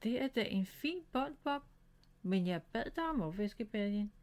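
A gentle, patient animal mother from a children's storybook, voiced by a woman reading aloud. She speaks kindly and calmly. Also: medium pitch, lightly acted.

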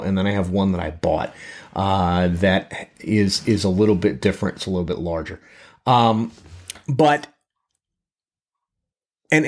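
A man with a fairly low voice teaches a Bible lesson to his listeners. His delivery is conversational and chatty, with restarts and frequent check-ins asking whether they follow. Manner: conversational, repeats words and checks in with "okay?".

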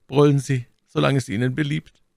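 A man voicing a cold, mocking English lord in an audiobook reading, with coolly sarcastic, measured threats. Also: mid-range voice, steady tone, gravelly, darkish tone, dry recording, studio quality, pitched above the performer's own voice. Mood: menacing.

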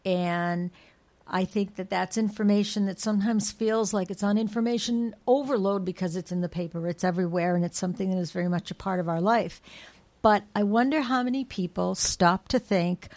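A woman's voice: medium pitch, fairly quick, darkish tone. A woman co-hosting a casual podcast, speaking in a thoughtful, reflective, conversational way. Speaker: co-host from a home care agency.

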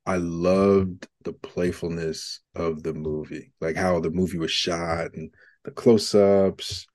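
A man co-hosting a podcast, talking about a film in a relaxed, chatty way and saying "like" often. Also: low voice, no echo, studio quality. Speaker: podcast co-host. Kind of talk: casual film discussion.

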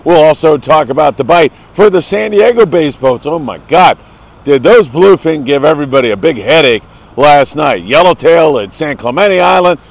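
A man's voice: fairly high pitch, expressive, moderate pace, vocal fry. A man with a lingering cold hosting an upbeat morning fishing briefing, talking to viewers in an effusive, folksy way. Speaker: host of a fishing report show. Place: outdoors by the coast in the morning.

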